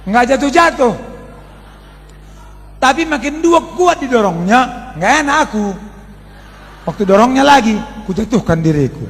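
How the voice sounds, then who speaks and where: High-voiced preaching man in a reverberant hall. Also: a little slow, pauses often, soft background music. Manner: animated, colloquial, addresses the congregation as "saudara". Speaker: pastor. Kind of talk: storytelling sermon. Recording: long reverb of a large hall.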